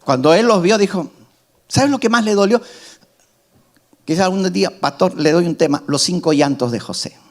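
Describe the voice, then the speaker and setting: Middle-aged male pastor, high voice, emphatic sermon delivery with loud peaks and soft asides. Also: expressive, moderate pace, long pauses. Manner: emphatic preaching, rising to loud climaxes and dropping to soft asides.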